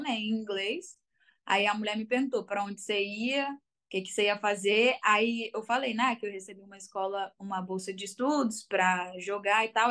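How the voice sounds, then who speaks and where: High-voiced young Brazilian woman. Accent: Brazilian Portuguese. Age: young adult. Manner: animated storytelling with lots of fillers. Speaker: guest, college soccer player. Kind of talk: casual interview chat.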